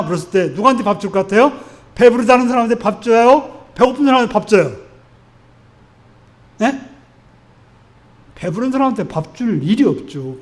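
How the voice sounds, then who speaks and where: High-voiced man preaching a sermon. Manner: asks the congregation frequent rhetorical questions; earnest, exhorting delivery. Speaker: pastor. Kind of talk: Sunday sermon.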